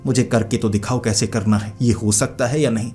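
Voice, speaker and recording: A man's voice: medium pitch, fairly even intonation, brisk, dark tone, faint music behind, lightly acted. A man voicing a clever, fearful young female witch apprentice who pleads and questions. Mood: questioning.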